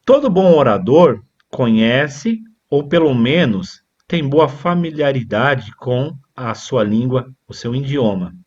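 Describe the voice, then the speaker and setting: A man's voice: medium pitch, very animated, takes it slowly, few pauses, darkish tone, breathy edge. A man teaching a church leadership class on preaching, reading from notes and then drifting into chatty asides to his brothers. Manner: reads from a text then digresses into chatty asides with "né, irmãos". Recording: dull lo-fi recording.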